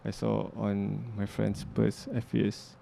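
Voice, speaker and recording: A young filmmaker and music producer talks as a guest in a casual interview, reflective and earnest, frequently restarting his sentences. His lowish voice is monotone, slow, creaky and dark, with slight background noise.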